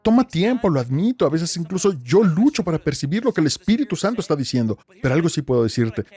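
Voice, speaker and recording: A man's voice: a little high, sing-song, fast, mellow, breathy edge, faint music behind. A man preaching a sermon as pastor, emphatic, with rhetorical questions and repetition.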